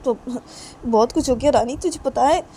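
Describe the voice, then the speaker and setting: A woman's voice: high-pitched, normal speed, dark tone, a little hiss or hum, voice pushed up. A woman voicing a timid friend who rambles and frets about a fight. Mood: nervous. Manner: anxious, rambling, teasing. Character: nervous, timid friend named Ravi.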